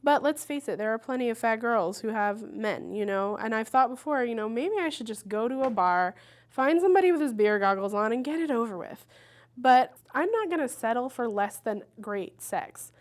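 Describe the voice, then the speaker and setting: A woman's voice: on the high side, animated, moderate pace. A woman in her thirties giving frank, self-mocking interview answers and laughing often.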